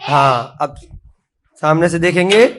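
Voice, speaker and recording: A man's voice: fairly high pitch, takes it slowly, a bit bright, a little hiss or hum. A male teacher giving a classroom spelling lesson, who spells words letter by letter and has the children repeat after him.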